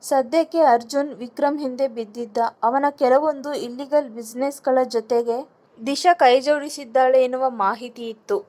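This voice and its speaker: A woman narrating a dramatic serialized story in a steady read-aloud manner. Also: sits high, normal speed.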